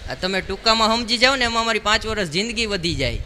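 A male stand-up comic, his voice high and very bright as he fires off quick jokes and calls out to the crowd. It is a live stage microphone recording in a large hall, with a long reverb tail. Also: animated, slight background noise. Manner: punchy joke telling, quick call-and-response to the crowd. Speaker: stand-up comedian. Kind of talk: live stand-up comedy show.

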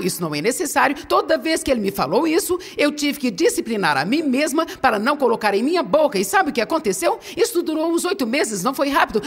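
A woman with a Brazilian Portuguese accent preaching to an audience in a large hall, playful and animated as she tells stories. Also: high voice, slightly rough. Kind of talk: sermon, humorous storytelling. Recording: long hall reverb.

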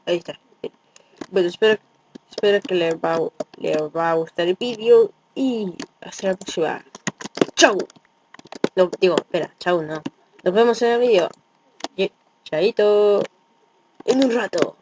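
A man's voice: sits high, a little slow, pauses often, background noise. Jittery Argentine gamer man. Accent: Argentine Spanish. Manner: jittery, swears a lot. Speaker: gaming YouTuber. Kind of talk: horror game let's play commentary.

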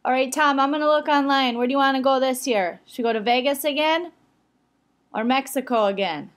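A middle-aged woman with a Minnesota accent playing a chatty, opinionated Minnesotan in a casual comedy sketch, folksy and deadpan. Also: high-pitched, fairly quick. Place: rooms at home, indoors.

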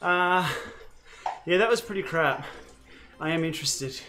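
An Australian man hosting a live indoor ride, out of breath, commenting between efforts and bursting into excited shouts. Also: fairly high pitch, measured pace, noisy background. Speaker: cycling channel host.

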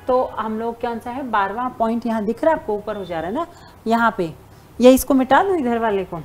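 A woman's voice: fairly high pitch, lively intonation, a little fast, slight background noise. A woman teacher giving an exam-prep lesson, talking to her students fondly as she writes on a board. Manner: addresses students as "beta", writing on a board while talking. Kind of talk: online exam-prep lecture.

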